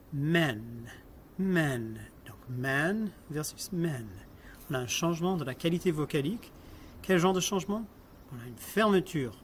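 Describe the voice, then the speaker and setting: A man's voice: fairly high pitch, a little hiss or hum. A man lecturing on linguistics, explaining step by step, asking the class questions and repeating example words.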